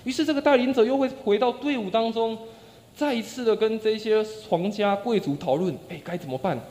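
High-voiced male preacher in echoing church. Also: brisk. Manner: storytelling with acted-out quotes, voice dropping soft and low at ends of phrases. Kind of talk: sermon. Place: church sanctuary. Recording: long church reverb.

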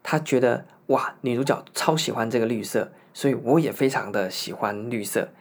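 A man with a Taiwanese Mandarin accent retelling a story in a casual, animated way, with jokey asides, rhetorical questions and acted-out quotes. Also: mid-range voice, normal speed. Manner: animated, acts out the lovesick hero's lines in quotes. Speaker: host retelling a song cycle story.

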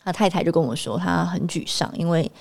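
A woman tells a story to camera in a relaxed vlog monologue. Her voice sits on the low side and carries a gravelly, creaky edge. She talks in a chatty, meandering way, pausing on fillers and restarting her sentences. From Taiwan. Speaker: vlogger and mother.

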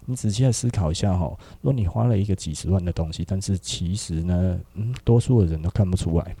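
A middle-aged Taiwanese man with a deep, gravelly, dark voice, chatting through a podcast monologue. He keeps checking in with rhetorical questions. His husky tone sits close and dry on the mic. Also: fast talker, no echo. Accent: Taiwanese Mandarin. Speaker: podcast host, clothing shop owner.

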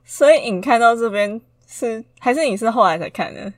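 A woman's voice: fairly high pitch, animated, no echo, clean studio sound. A woman co-hosting a podcast, teasing her co-host and pushing back in a casual chat. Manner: quick, teasing, argues her side back.

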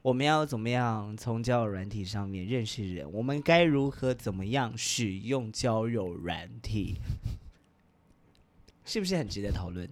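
A man's voice: on the low side, animated, normal speed. A man with a Taiwanese Mandarin accent, co-hosting a casual podcast chat, playful and sprinkling English words into his speech. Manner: playful, mixes in English words, leads the topic. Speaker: podcast co-host.

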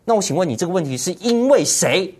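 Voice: mid-range voice, very animated, fast talker, darkish tone. A political commentary host, ranting indignantly in heated commentary and firing off repeated rhetorical questions.

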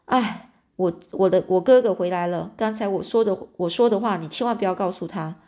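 A woman voicing an anxious, secretive young woman in a storybook, speaking in hushed, urgent warnings. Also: fairly low pitch, brisk, close to an everyday voice. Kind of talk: storybook reading.

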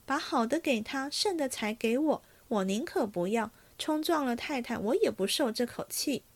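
A woman's voice: on the high side, animated, normal speed. Qingwen, a woman voicing a proud scornful maid. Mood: indignant. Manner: scornful, indignant retorts. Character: sharp-tongued proud young maid, quick to take offence.

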